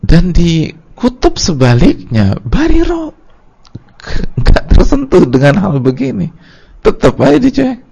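Gravelly, animated Indonesian preacher man. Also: high voice, measured pace, long pauses, lo-fi sound. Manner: lively storytelling, acts out quoted voices. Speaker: Islamic preacher. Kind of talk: religious study lecture.

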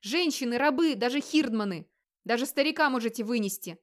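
Woman voicing a young warrior, bold, calling out, raised pitch. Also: expressive, a little fast, lightly acted. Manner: calling out boldly.

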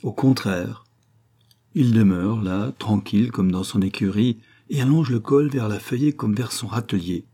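A man voicing a cheerful old male peasant archer in a storybook reading, speaking in lively exclamations. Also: fairly low pitch, normal speed, husky. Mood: musing.

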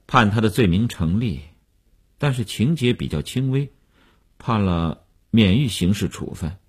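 A man voicing a calm adult male pianist who speaks in an even, detached tone. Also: lowish voice, a little slow, husky. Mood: cool.

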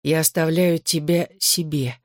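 A dazed young man in a hospital bed, clinging and confessing, his words slow and slurred with affection, as an audiobook reader puts him on. The voice sits at a middle pitch. The recording is close and dry, with no room sound. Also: steady tone, dry recording, lightly acted. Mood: slurred, tender. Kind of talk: audiobook character voice.

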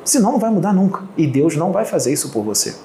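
A man giving a channeled spiritual teaching as a medium, piling up repeated phrases and rhetorical questions and clearing his throat often. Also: fairly high pitch, very animated, racing, mellow. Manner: repetitive lists and rhetorical questions. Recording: roomy echo, faint background noise.

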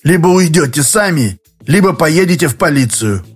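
A man's voice: fairly high pitch, expressive, normal speed, husky, soft background music, pitched above the performer's own voice. A man voicing a stern male security guard who speaks formally and wordily in an audiobook. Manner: formal, wordy, threatening.

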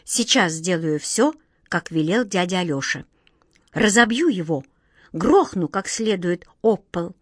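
A woman voicing a flustered, clumsy young girl who pleads in a high, hurried voice. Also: animated, slightly rough, no room sound, clean studio sound. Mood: relieved.

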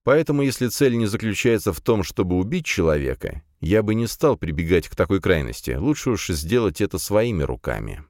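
A man reading a first-person fantasy audiobook in an even, measured way. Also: low-pitched, no echo, studio quality. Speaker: audiobook narrator.

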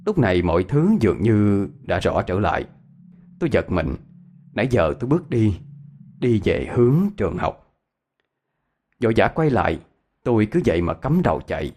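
Expressive male ghost story narrator. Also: normal speed, long pauses. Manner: expressive, varied pitch.

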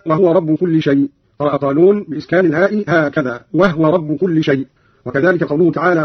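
Brisk husky man on old radio. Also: a little high, no echo. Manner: brisk, precise explanatory delivery quoting verses. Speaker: radio presenter explaining readings. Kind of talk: scholarly radio explanation. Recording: lo-fi archival radio broadcast.

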